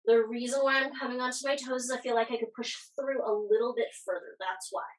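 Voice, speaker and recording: Higher-voiced woman teaching yoga, slightly distant mic. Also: steady tone, fast. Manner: encouraging, reassuring. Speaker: yoga instructor. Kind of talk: yoga class instruction, casual guiding.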